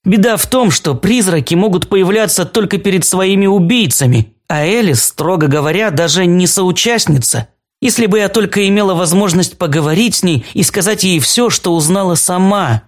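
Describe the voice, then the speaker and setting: A man reading a storybook, voicing a gentle, forgiving female ghost who speaks fondly. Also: high-pitched, moderate pace, voice pushed up. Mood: sympathetic. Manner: fond, forgiving, calmly observant. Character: gentle, doting female ghost, a murdered former lover. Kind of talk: audiobook character voice.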